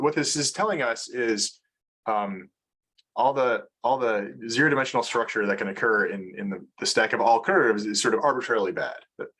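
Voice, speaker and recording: A man's voice: mid-range voice, fairly bright tone, husky. A man giving an informal research seminar talk on mathematics over a video call, hesitant, with many fillers and restarts. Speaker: mathematics lecturer.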